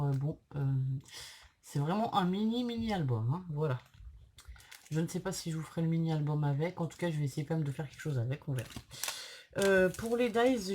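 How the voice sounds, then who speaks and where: A woman's voice: lowish voice, a little mellow, a little hiss or hum. A woman talking with a sore throat from tonsillitis, chatting hesitantly and apologetically through a casual unboxing vlog. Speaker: craft channel host.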